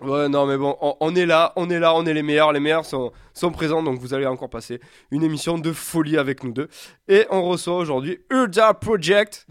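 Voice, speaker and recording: A man's voice: a little high, steady tone, fairly quick, clear, resonant tone, no echo, clean studio sound. A man hosting a casual radio show, joking and teasing his guest in a chatty way.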